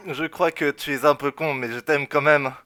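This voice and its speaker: Bright, higher-voiced man, deadpan. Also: normal speed, no echo, studio quality. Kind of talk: comic fan-fiction reading on stream.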